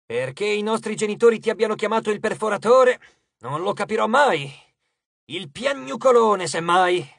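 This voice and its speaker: A man voicing a boastful, hot-tempered male Titan lord of dawn in an audiobook, raised and drawn out, often shouting. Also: high-pitched, lively intonation, normal speed, gravelly, no room sound, studio quality, pitched above the performer's own voice, heavily acted. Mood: mocking.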